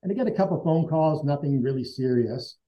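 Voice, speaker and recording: A man being interviewed as a guest tells a personal story, earnest and conversational, acting out dialogue he remembers. His voice is fairly high, expressive, a little fast and dark in tone, and the recording sounds dull and lo-fi.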